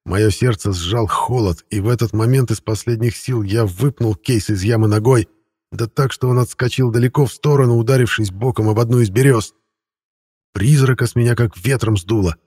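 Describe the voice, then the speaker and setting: A man reads a first-person fantasy audiobook in a wry, conversational way. His voice sits low with a husky edge, recorded close and dry. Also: warm tone, dry recording. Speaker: audiobook narrator.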